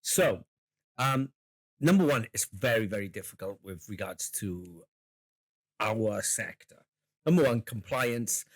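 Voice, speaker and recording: A man's voice: fairly low pitch, animated, measured pace, long pauses. A man co-hosting a podcast in casual chat, rambling and jokey, laughing often and swearing casually. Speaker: podcast co-host.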